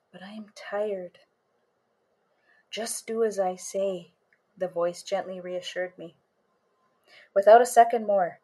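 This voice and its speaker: Reading a story told in the first person, a woman writer and storyteller keeps a measured pace and lets the images linger. She speaks at medium pitch with a darkish tone.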